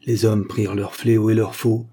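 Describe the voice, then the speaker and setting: A man narrating an audiobook in a dramatic, measured reading. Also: lowish voice, flat delivery, warm tone.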